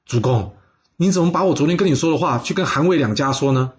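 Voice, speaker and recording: A man's voice: on the high side, expressive, quick pace, muffled recording, lightly acted. A man voicing a cautious adviser who pleads earnestly with his lord. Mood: worried. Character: worried, cautious male adviser.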